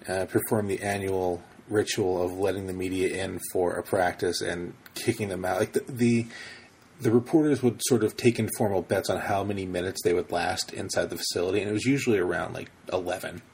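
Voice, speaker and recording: Gravelly, low-voiced male podcast host. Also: steady tone, a little fast, darkish tone, slight background noise. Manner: rambling, with many restarts and asides. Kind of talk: casual conversational interview.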